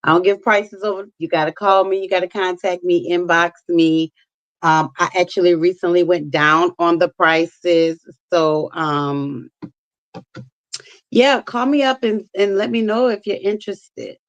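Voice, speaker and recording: A woman's voice: on the low side, measured pace, no echo, dull audio. A middle-aged woman with a New Orleans accent, chatting casually as a talk show guest. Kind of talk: casual chat.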